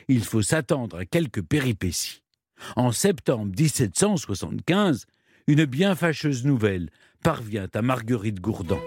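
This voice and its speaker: A man telling a history story in measured, scripted narration with dramatic pauses. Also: medium pitch, a little mellow, slightly rough, dry recording.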